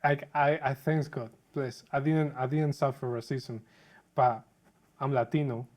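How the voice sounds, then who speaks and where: A man who grew up in Spain hosts a casual podcast, speaking at an ordinary pitch. He questions his guest with eager interest and answers with frequent quick affirmations. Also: steady tone, darkish tone. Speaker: podcast host.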